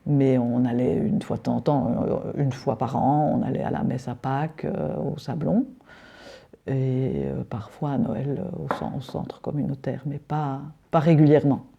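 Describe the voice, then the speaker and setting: Middle-aged woman, interview guest; halting answers, gravelly and deep-toned. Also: warm tone, highs cut off. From Belgium. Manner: hesitant, many fillers and restarts. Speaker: decorative painter, interview guest.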